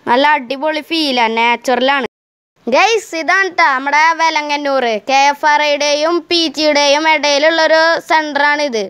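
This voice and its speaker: A woman's voice: sits high, normal speed, a bit bright. A woman with a Kerala Malayalam accent narrates a casual travel vlog, chatting straight to viewers and mixing English words into her Malayalam. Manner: chatty, addresses viewers directly. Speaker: travel vlogger.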